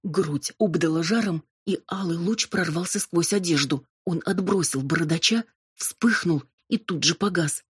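A woman reading a first-person novel as an audiobook in a measured, steady storytelling way. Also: fairly low pitch, slightly rough, no echo, studio quality. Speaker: audiobook narrator. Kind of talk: scripted first-person narration.

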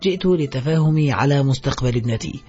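A man voicing a grim ex-convict father who keeps his simmering anger quietly restrained, in a dull lo-fi recording with faint music underneath. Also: mid-range voice, quick pace, husky, lightly acted.

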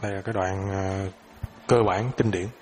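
A man teaching a dharma class who takes questions, speaking in a relaxed way and often repeating words as he searches for them. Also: deep voice, moderate pace, noisy background.

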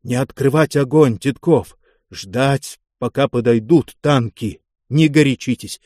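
Dazed stern commissar, weak clipped hush, read by a male narrator; war audiobook, dry. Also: medium pitch, unhurried, no room sound, natural voice.

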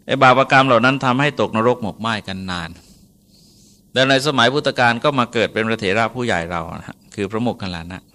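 A man, a Buddhist monk, telling a story in a sermon in a relaxed, conversational way, with polite particles and frequent hesitations. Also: medium pitch, fairly quick.

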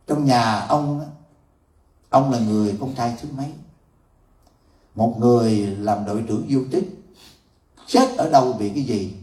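A man's voice: medium pitch, measured pace, long pauses, dark tone, voice pushed down, natural voice. A man voicing the spirit of a dead male soldier who talks bluntly and knowingly, inside a story told in a sermon. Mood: accusing. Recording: roomy hall from far off.

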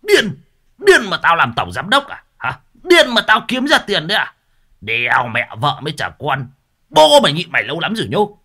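A man's voice: a little high, huge pitch swings, normal speed, sharp tone, breathy edge, pitched above the performer's own voice, exaggerated voice. A man voicing a deranged old man who screams abuse at his wife in a ghost story. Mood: raging. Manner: screaming, abusive.

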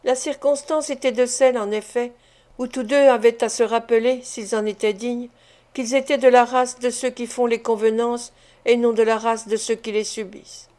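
A woman narrating a classic literary story in a measured, expressive reading. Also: on the high side. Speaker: audiobook narrator.

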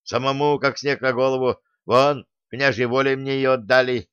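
A man's voice: medium pitch, fairly even intonation, normal speed, a bit bright, clean tone, no room sound, lightly acted. A chilled, stubborn old pensioner who talks back weakly through his shivers, as a male narrator puts him on. The audiobook recording is dry and muffled. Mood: feeble. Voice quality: weak, trembling.

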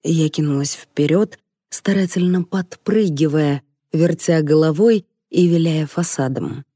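Slow, mellow woman narrating. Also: low voice, dry recording, studio quality. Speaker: audiobook narrator. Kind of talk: first-person audiobook narration.

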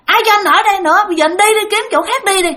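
Woman doing an angry ghost girl, high shrill scolding, spooky storytelling. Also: rapid-fire. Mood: furious. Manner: shrill scolding, rising to shouts. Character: angry female ghost haunting a rented room.

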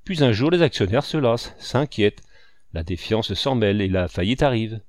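A man's voice: on the low side, animated, normal speed, darkish tone, no echo, clean studio sound, natural voice. A man voicing a smug, shrewd male company swindler who speaks in a calculating, self-satisfied way. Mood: warning.

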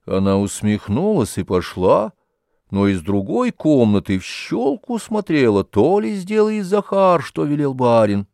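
A man's voice: mid-range voice, sing-song, a little slow, vocal fry, a little mellow, no echo, clean studio sound. Man narrating a classic novel. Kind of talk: audiobook narration.

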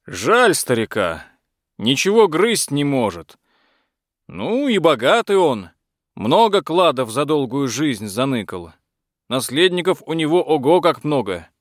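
A man's voice: on the high side, very animated, unhurried, no room sound, clean studio sound. A man voicing a sly, coaxing male dragon in a fairy tale.

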